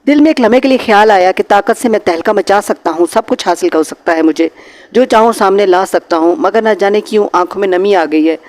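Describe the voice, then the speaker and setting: Male audiobook narrator, high voice, dramatic horror reading. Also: brisk, darkish tone.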